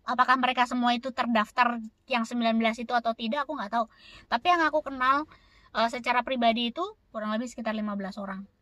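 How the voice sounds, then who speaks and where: A woman from Indonesia answers viewer questions in a relaxed, chatty vlog. Her voice is bright and a little high, and she rambles and repeats herself as she talks. The recording is dry, with no room sound. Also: no echo. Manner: chatty, repeats words and fills with "gitu". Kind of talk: casual Q&A storytelling.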